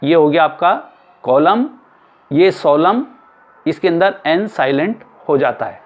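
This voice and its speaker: Guy teaching english spelling, spells out each letter slow, kinda high voice. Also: animated. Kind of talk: explanatory lesson.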